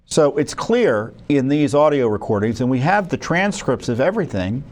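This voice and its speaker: An American watchdog spokesman speaks at medium pitch with an animated, darkish tone and moderate pace. Addressing the camera with news commentary about records, he alternates between reading and ad-libbing, stumbling and self-correcting conversationally.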